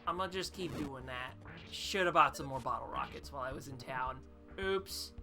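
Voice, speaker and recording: A woman's voice: rumbling low, moderate pace, over music. A woman hosting a let's-play, giving casual gameplay commentary, chatty and thinking aloud with frequent fillers.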